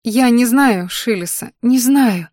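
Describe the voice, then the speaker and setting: A woman voicing a timid, tearful young maid who speaks softly and fearfully. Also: fairly high pitch, slow pace, dry recording, clean studio sound, voice pushed up. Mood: frightened, tearful. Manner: soft, frightened, whispering.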